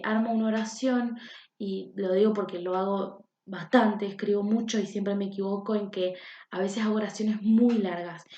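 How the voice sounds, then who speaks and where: Filled with hesitations and fillers, this young woman's class presentation as a university student is recorded at home in an echoey, dull lo-fi setting. She speaks with a medium-pitched, slightly mellow voice.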